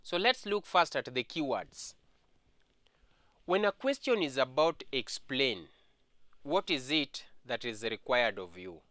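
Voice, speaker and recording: A man with a Kenyan English accent teaching an exam revision history lesson, speaking slowly and repeating key points. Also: mid-range voice, sing-song, fairly bright tone, no echo.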